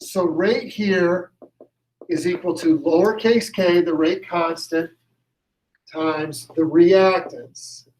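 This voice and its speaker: A man teaching a high school chemistry class, casual and chatty, often correcting himself as he works a problem. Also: steady tone, slow pace, a little mellow, slight background noise, rough recording. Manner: chatty, joke-telling, self-correcting. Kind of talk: classroom lecture.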